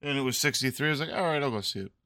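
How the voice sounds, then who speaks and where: A man hosting a podcast, talking in casual, profane, animated chat. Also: mid-range voice, very fast, a crowd in the background. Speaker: podcast host.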